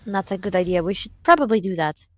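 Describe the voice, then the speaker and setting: A woman's voice: mid-range voice, lively intonation, fast. A woman playing a tabletop game, talking through tactics in an easygoing way. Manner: plans tactics aloud, easygoing. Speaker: player. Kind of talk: casual tabletop game play.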